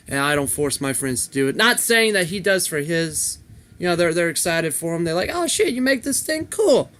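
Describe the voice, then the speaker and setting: A man's voice: a little high, a bit bright, clean tone. A young man hosting a solo podcast, rambling casually with lots of restarts and fillers. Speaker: podcast host.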